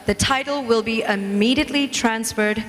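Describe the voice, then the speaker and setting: A woman's voice: fairly high pitch, moderate pace, fairly bright tone. Formal female pageant host in a reverberant hall. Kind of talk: live pageant presenting. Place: large event hall stage. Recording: reverberant hall, event music.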